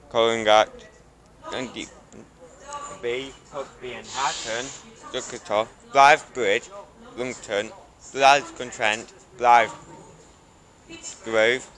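A man's voice on a station loudspeaker announcement, reading out the calling points in a slow, even, measured way. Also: mid-range voice, rough recording.

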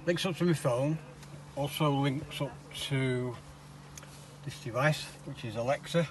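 A man's voice: medium pitch, measured pace, a little hiss or hum. A man showing off his campervan, explaining its gadgets plainly and matter-of-factly. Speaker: van owner giving a tour. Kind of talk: casual show-and-tell. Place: inside a campervan. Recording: background music.

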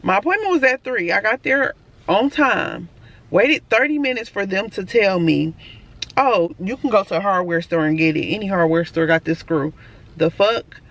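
A woman's voice: mid-range voice, animated, moderate pace, fairly bright tone. A woman chatting casually to her camera as a vlogger. She talks straight to her viewers, calls them y'all and swears freely. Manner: blunt, swears freely when venting. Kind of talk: casual vlog chat to camera.

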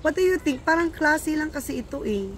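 Lively woman haggling at the beach. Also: high-pitched, brisk. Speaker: vlogger and shopper. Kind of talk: casual chat while bargaining. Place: sunny beach outdoors. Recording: outdoor beach noise behind.

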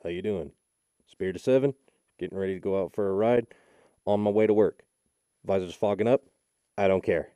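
A man's voice: low voice, brisk, pauses often, warm tone, no room sound. A man vlogging as he rides his motorcycle, talking casually from inside his helmet in a rambling, self-mocking way. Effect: voice muffled inside a motorcycle helmet. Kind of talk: casual chat to camera while riding. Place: outdoors on a motorcycle in town traffic. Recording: engine and wind noise behind the voice. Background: motorcycle engine and street traffic.

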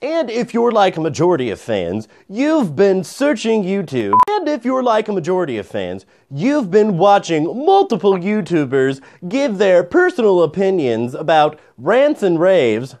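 A man's voice: high-pitched, huge pitch swings, unhurried, few pauses, exaggerated voice. A young man playing a formal, declamatory male TV news anchor in a comedy sketch. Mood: mock serious. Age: young adult. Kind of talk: mock news anchor delivery, blooper takes. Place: indoors in front of a green screen.

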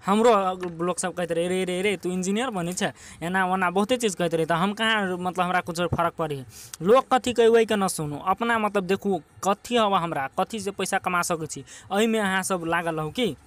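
A young man with a Maithili accent giving casual, rambling, encouraging advice to viewers, with lots of filler words, filmed by his brother in a quiet spot. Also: high-pitched, normal speed. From Nepal. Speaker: YouTube tips vlogger. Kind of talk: casual motivational talk to camera.

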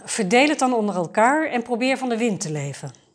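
A woman's voice: a little high, sing-song, fairly quick, voice pushed up. A woman voicing a foolish old male king in a storybook tale, speaking plainly and matter-of-factly. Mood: resigned.

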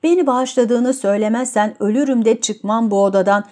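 A woman's voice: fairly high pitch, a little fast, darkish tone, close to an everyday voice. A woman doing a brooding, jealous young man. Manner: gloomy, brooding confession.

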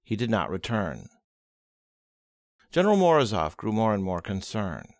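A man reading a history book aloud as an audiobook, expressive and dramatic, closely recorded. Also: lowish voice, normal speed, no room sound, studio quality. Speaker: audiobook reader.

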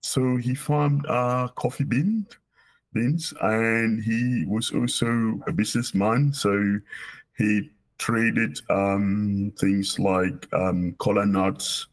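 Speaking slowly in a steady, fairly low voice, a man in his forties from Cameroon, a professor of operational research, hesitates and restarts often as a guest in a casual video call interview. He's in a small office, and the webcam sound is poor.

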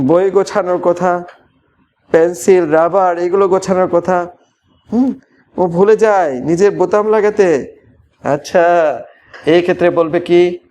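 A man with a Bangladeshi accent teaches parents simple English phrases, and his voice sits high for a man. He speaks slowly and drills each phrase over and over, coaxing his listeners with questions. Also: darkish tone. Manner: slow drilled repetition of English phrases, explaining in Bengali. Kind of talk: spoken English lesson for parents.

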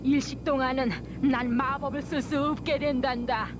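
A woman's voice: fairly even intonation, normal speed, natural voice. An actress playing a stern old grandmother sorceress in a cartoon, scolding and grave. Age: older. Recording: noisy old videotape with rumble.

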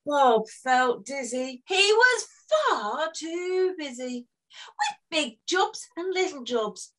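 A woman's voice: high voice, fairly bright tone. A woman reading a picture book aloud to children, playful and full of exclamations. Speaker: children's storyteller. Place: indoors, on a video session.

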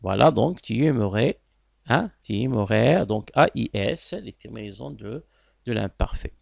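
Man, Moroccan accent, teacher, animated pitch, dry close sound. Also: a little slow, creaky, no echo. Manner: explanatory, repeats words and asks students questions. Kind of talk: exam correction lesson.

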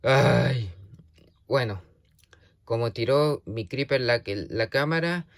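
A man chatting to a silent companion in a halting, nervous way, stammering and restarting often, with sudden yelps. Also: mid-range voice, lively intonation, gravelly, no room sound, clean studio sound. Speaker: video creator talking to a toy character. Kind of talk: casual one-sided chat to a silent companion.

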